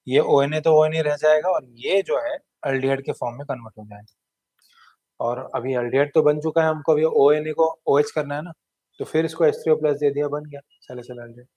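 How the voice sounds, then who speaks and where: A man's voice: a little high, darkish tone, no echo. A man with an Indian accent giving an exam revision chemistry lecture, explaining step by step and often checking in with the class. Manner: explanatory, mixing Hindi and English terms, frequent "theek hai" check-ins. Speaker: chemistry teacher.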